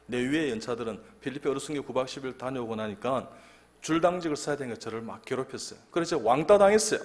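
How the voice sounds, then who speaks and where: A man in his fifties, a church elder and doctor, giving a humorous testimony sermon with lively storytelling and acted-out lines. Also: medium pitch, fast talker.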